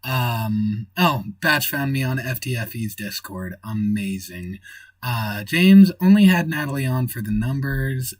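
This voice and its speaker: A man's voice: medium pitch, no room sound, distant mic. A man hosting a livestream in casual chat, rambling and thinking aloud as he reads the chat. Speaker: livestream host.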